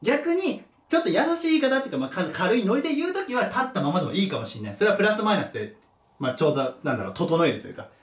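A man's voice: sits high, sing-song, rapid-fire. A male teacher giving a casual lecture, thinking aloud and correcting himself as he goes. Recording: echoey room, mic at a distance.

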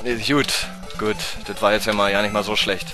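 A man with a German accent giving excitable gameplay commentary, swearing at the game and swinging from low mutters to sudden cries. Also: brisk, over music. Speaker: let's play gamer.

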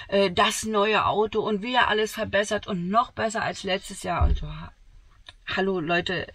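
A woman's voice: lowish voice, gravelly, fairly bright tone, no echo. A woman in her sixties chatting to camera from inside a camper van, enthusiastic, with lots of fillers. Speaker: camping vlogger. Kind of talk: casual vlog talk to camera. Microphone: fixed camera in front, seated.

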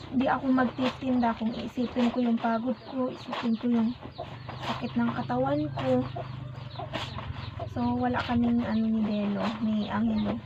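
A woman with a high voice and a lingering cough rambles casually through a home vlog as she does the laundry by hand outdoors. She sounds tired, full of fillers and restarts. The recording is dull and lo-fi, and roosters and chickens cluck loudly behind her. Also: noisy background. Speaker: mother and vlogger. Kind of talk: casual vlog chat, mixing in English with her child.

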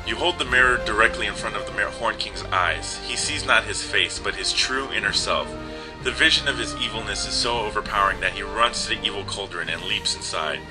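Young male let's player, chatty, lower pitch, crisp bright tone, light game music. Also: fairly quick, low-quality recording. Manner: chatty, reads game text aloud. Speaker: let's play host. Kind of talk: casual game commentary.

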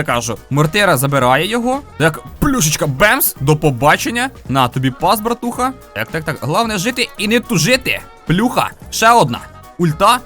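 Man, fairly high and very animated voice, playful gameplay commentary, faint music behind. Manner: playful and upbeat, with frequent sound-effect interjections. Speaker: gaming video host.

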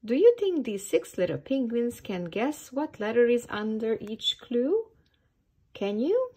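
A woman reading a children's picture book aloud at storytime, pausing to ask the young listeners questions. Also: fairly high pitch, very animated, warm tone, slightly rough. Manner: slow, sing-song, asks the young listeners questions. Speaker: early years storytime reader.

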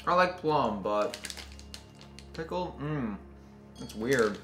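A man co-hosting a casual food tasting, relaxed, with short comments and easy laughs. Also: mid-range voice, slow, roomy sound, faint music behind. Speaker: co-host.

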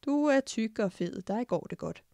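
A woman's voice: a little high, animated, vocal fry, dark tone, no echo, clean studio sound. A woman voicing a blunt, outspoken ditch-digger's wife in an audiobook. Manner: outspoken, matter-of-fact. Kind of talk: audiobook character voice.

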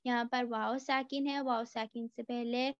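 A woman teaching Quran recitation in a tajweed lesson, patiently explaining and slowly drawing out each word. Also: on the high side, steady tone, smooth, dry recording, dull audio. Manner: slow, drawn-out demonstration of words. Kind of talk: tajweed lesson mixing Hindi and English.

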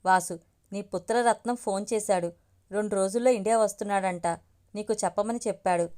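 A woman's voice: mid-range voice, fairly even intonation, brisk, mellow, natural voice. A woman reading a joking middle-aged father. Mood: teasing.

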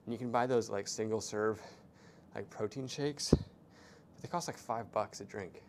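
Between sets in a small hotel gym, a young fitness vlogger talks casually to the camera, laid-back and rambling with many fillers. His voice is fairly low and measured, picked up by a small clip-on mic with the camera at a distance amid heavy background noise.

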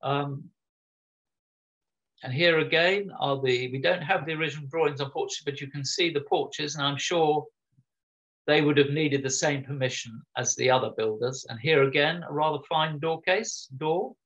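A man with a slightly high, fairly bright voice speaks at normal speed, presenting an informal illustrated local history talk by video call from a room at home. He chats along with lots of ums and restarts, and the call audio sounds dull and lo-fi.

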